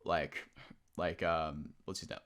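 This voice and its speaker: A man's voice: extremely low pitch, level tone, takes it slowly, very noisy. A young man, co-hosting a casual podcast, agreeing a lot and stepping in to explain things for listeners. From Australia. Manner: agreeable, backchanneling, clarifying for listeners. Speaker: podcast co-host. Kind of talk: casual chat.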